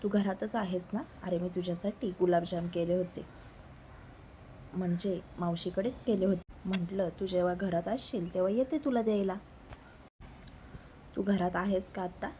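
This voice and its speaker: A woman's voice: on the low side, fairly even intonation, moderate pace, long pauses, mellow, a little hiss or hum, lightly acted. A woman voicing a chatty, eager young woman who talks in a breezy way, in a spoken romance story.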